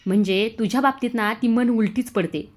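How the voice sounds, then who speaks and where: A woman's voice: fairly high pitch, moderate pace, a little mellow, voice pushed up, lightly acted. Flustered young husband, read by a woman narrator, fumbling and stammering through his answers.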